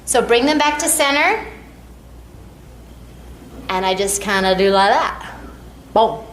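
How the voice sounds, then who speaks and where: A woman's voice: medium pitch, lively intonation, slow, a bit bright, a little hiss or hum. A woman teaching massage technique to a class, counting out strokes and cheering the students on. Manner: counts out strokes, encouraging and upbeat. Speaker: massage instructor. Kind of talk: hands-on teaching demonstration. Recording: echoey room, faint background.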